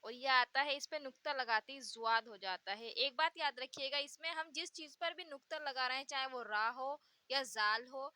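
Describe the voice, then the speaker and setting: A woman in a slow, patient pronunciation lesson, drawing out each letter sound and repeating it with example words. Her voice is bright and sits a little high. The recording is close and dry, with no room sound. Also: dry recording. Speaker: Urdu teacher.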